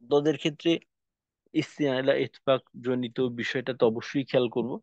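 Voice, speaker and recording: A man's voice: mid-range voice, steady tone, a little mellow, no echo. A man teaching Quran letter pronunciation in a recorded class, explaining each step and then drilling the sounds over and over. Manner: slow, explains steps, then demonstrates sounds in repeated drills. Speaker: tajweed teacher. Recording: dull lo-fi sound.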